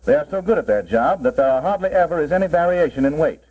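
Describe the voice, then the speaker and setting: A man's voice: a little high, animated, fast, a little mellow. A man presenting as a proud company spokesman, narrating a 1940s promotional film in a formal, salesmanlike style. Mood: explanatory. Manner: formal, salesmanlike, mid-century narrator delivery. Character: company man presenting his product with pride. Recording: muffled, worn 1940s film soundtrack.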